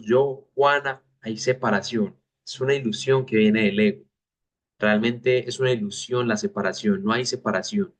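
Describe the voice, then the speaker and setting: A man teaching a spiritual master class, explaining ideas in a measured, deliberate way. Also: mid-range voice.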